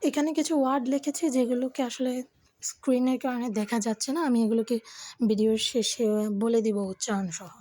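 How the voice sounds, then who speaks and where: A young woman from Bangladesh teaches beginner French, slowing down to sound out each word clearly. Her voice sits a little high and has a husky, breathy edge. She talks to learners in a friendly, step-by-step way. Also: fairly even intonation, warm tone, no room sound, low-quality recording. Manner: slow, careful pronunciation of each word; addresses learners informally, step by step. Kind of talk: beginner language lesson.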